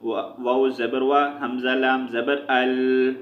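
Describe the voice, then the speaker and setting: A man teaching Quran recitation, spelling out letters and vowel marks syllable by syllable and blending them, with quick explanations that end in a repeated check-in. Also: medium pitch, flat delivery. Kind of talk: slow spelling-out recitation lesson. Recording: echoey room, dull lo-fi sound.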